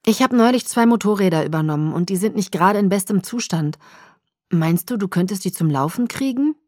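A woman's voice: mid-range voice, animated, brisk, darkish tone, dry recording, lightly acted. A woman reading the dialogue of an earnest young woman in an audiobook, close to her own voice.

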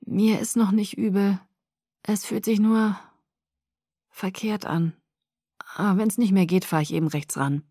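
A woman voicing a feverish young man who speaks quietly and sincerely, in a storybook reading. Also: medium pitch, steady tone, unhurried, long pauses, breathy edge, no room sound, clean studio sound. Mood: uneasy.

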